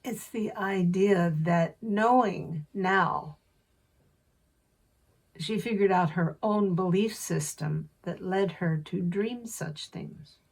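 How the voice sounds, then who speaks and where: Woman, channeler, husky, slow measured delivery, distant mic. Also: medium pitch.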